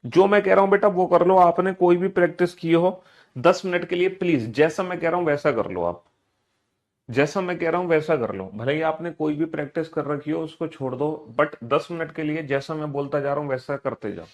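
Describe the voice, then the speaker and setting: A man's voice: on the high side, a little fast. A man teaching a live online class, repeating his instructions over and over and leading students in call-and-response drills. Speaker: online exam coaching teacher.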